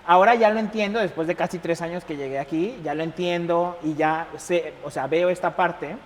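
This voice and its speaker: A young Mexican man with a Mexican accent, chatting casually as an interview guest and telling stories with lively acted-out dialogue. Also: a little high, normal speed. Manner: animated, acts out quoted dialogue, laughs often. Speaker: embassy chef, interview guest. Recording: reverberant room with faint noise.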